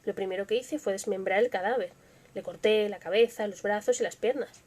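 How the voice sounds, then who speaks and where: A young woman with a Spanish accent from Spain, hosting a live stream and reading stories in a soft, expressive voice that sometimes drops to a whisper. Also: medium pitch, brisk. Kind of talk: dramatic story reading with casual chat.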